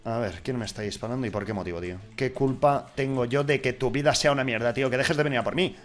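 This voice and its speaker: A young man from giving casual, excitable gameplay commentary, swearing and swinging from mutters to shouts. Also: medium pitch, fast talker, faint music behind. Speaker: gaming YouTuber.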